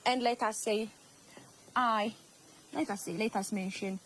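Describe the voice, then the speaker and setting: A woman teacher with an Ethiopian accent, whose first language is Amharic, gives a slow, repetitive English lesson to young students. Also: fairly high pitch, steady tone, fairly bright tone, slight background noise, low-quality recording. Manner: slow, repeats words, addresses students.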